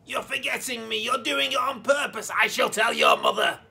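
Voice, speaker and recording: A man putting on a shrill screeching old granny. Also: normal speed, vocal fry, bright, forceful tone, slightly rough, heavily acted. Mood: nagging. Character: nasty screeching old grandmother.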